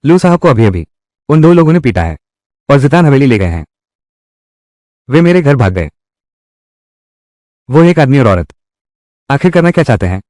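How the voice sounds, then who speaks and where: A man's voice: mid-range voice, very animated, normal speed, pauses often, darkish tone, dry recording, lightly acted. A man dubbing a menacing tough guy in a revenge drama, with a threatening, confrontational delivery in a close studio recording. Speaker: dubbing voice actor. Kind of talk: Hindi dub of a live-action drama.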